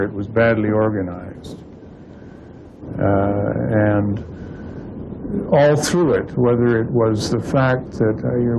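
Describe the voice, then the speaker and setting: A man recalling events in an interview, halting and full of fillers. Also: mid-range voice, noisy background. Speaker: interviewee, diplomat. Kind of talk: interview recollection.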